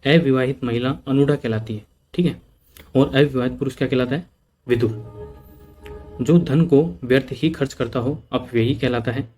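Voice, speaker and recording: A man's voice: mid-range voice, steady tone, a little fast, darkish tone. Man, exam prep teacher, repetitive drilling, mixes English terms in. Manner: repeats points with frequent "ठीक है" checks.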